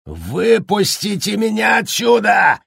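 A man voicing a raging, unhinged middle-aged father who shouts threats in a husky voice. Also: low-pitched, very animated, drawn-out words, dry recording, clean studio sound, exaggerated voice.

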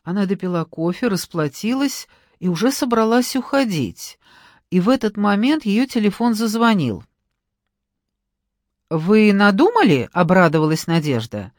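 A woman's voice: mid-range voice, big pitch swings, moderate pace, no room sound. Woman narrating an audiobook, dry and close.

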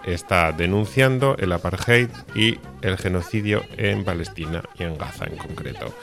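A man's voice: deep voice, fairly bright tone. A man with a Spanish accent from Spain, co-hosting a casual radio chat show.

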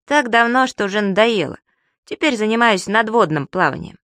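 A woman's voice: mid-range voice, lively intonation, moderate pace, fairly bright tone, no echo, clean studio sound, voice pushed up, natural voice. A woman voicing a brash, boastful magical male creature with a teasing, theatrical manner in an audiobook. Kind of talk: audiobook character voice.

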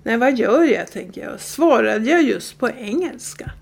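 A woman's voice: fairly high pitch, expressive, gravelly, a little mellow, husky. Woman reading a humorous story aloud. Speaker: reader.

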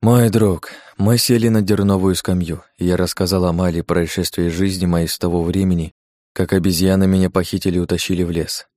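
A man narrating an audiobook in a measured, old-fashioned storytelling manner. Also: sits low, level tone, darkish tone, no echo, studio quality.

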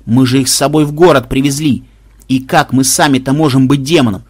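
A narrator voicing a blunt young male tester who talks in a loud, incredulous way. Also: mid-range voice, steady tone, fairly quick, slightly rough, no echo, clean studio sound, lightly acted.

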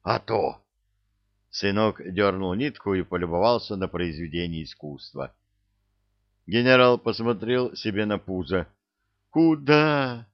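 A man reading a comic army story aloud as narrator, in a deadpan storytelling manner. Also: deep voice, moderate pace. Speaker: audiobook reader. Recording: dull dry recording.

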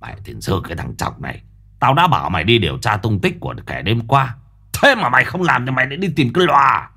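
A man voicing a rough, short-tempered middle-aged exorcist who curses and scolds bluntly. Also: very deep voice, very animated, measured pace, fairly bright tone, voice pushed down, exaggerated voice. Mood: angry.

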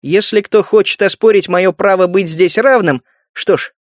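Male reader doing a brash young brawler, boastful, fairly high, dry audiobook voice. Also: normal speed, dry recording, natural voice. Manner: boastful, mocking storyteller. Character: Sever, a tough young male wasteland fighter, cocky and blunt.

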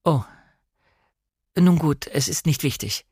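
A man reading an audiobook, voicing an anxious young wife who pleads urgently, his voice raised and slightly husky. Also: a little high, animated, slow, a little mellow, dry recording, clean studio sound, voice pushed up, full character voice.

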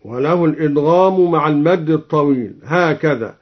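A man with a notably high voice gives a formal explanation of recitation readings. He speaks in a measured, deliberate way and breaks into slow melodic chant for his examples. The sound is dull, like an old radio archive recording.

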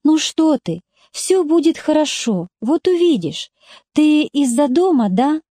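A woman reading aloud and voicing a quiet, subdued young man. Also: high-pitched, big pitch swings, unhurried, no room sound, clean studio sound, pitched above the performer's own voice. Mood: coaxing.

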